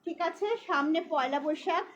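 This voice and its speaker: High-voiced woman selling clothes live. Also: a bit bright. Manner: brisk, repeats prices and phone number. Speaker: online clothing seller. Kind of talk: live-stream sales pitch. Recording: slightly dull, faint hiss.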